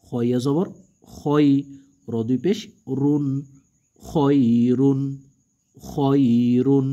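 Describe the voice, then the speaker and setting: A man teaching Quran reading. He spells out letters and vowel marks one by one, drags out the long vowels and often checks in with his listeners. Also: dark tone. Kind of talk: slow spelling-out lesson. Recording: muffled low-fidelity audio.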